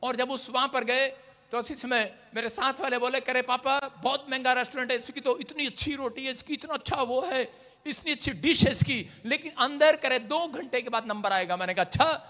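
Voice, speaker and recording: Preacher guy, high voice, bright and sharp, goes quiet then yells out. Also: fairly quick, long reverb tail. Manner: animated, swings from hushed storytelling to loud shouted exclamations. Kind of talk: Hindi sermon with storytelling.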